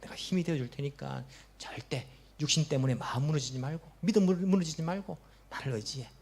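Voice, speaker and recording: A man voicing a gentle consoling savior figure, soft and partly whispered, slow and reassuring. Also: medium pitch, expressive, slightly rough. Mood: tender reassurance.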